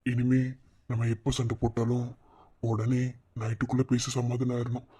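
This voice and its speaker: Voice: mid-range voice, completely flat delivery, normal speed, warm tone, breathy edge, lightly acted. Someone voicing an anxious, pleading young husband. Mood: pleading, ashamed. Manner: earnest, pleading. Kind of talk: cartoon voice acting. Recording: muffled lo-fi sound.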